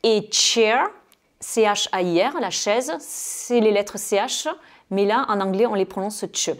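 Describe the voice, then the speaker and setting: A woman from France teaches English pronunciation in a video lesson. She speaks at a middle pitch and explains each point patiently, often dropping in "euh" and a tag "hein". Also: a little slow.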